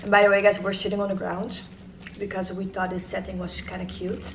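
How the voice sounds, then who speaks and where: A woman's voice: medium pitch, little pitch movement, brisk, roomy sound, a little hiss or hum, low-quality recording. A young woman in her twenties chatting casually and teasingly while eating with a friend. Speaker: vlogger. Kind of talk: casual mukbang chat. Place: apartment living room floor.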